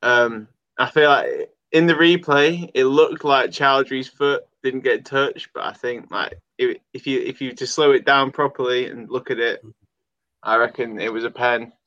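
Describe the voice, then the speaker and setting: A man's voice: medium pitch, moderate pace, fairly bright tone. Dull lo-fi call, easygoing young man. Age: young adult. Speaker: fan caller on a football show. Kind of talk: casual football chat.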